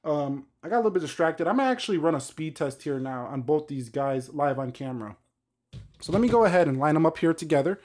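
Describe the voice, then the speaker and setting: A man with a slightly raised pitch hosts a casual tech live stream. He talks loosely and chattily, picking up viewer comments as he goes. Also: lively intonation, fast talker, a little mellow.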